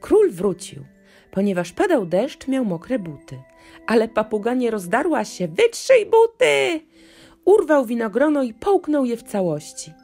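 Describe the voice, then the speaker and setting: A woman narrating a children's bedtime story in a gentle, expressive storytelling manner. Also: fairly high pitch, normal speed. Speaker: audiobook narrator. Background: faint music.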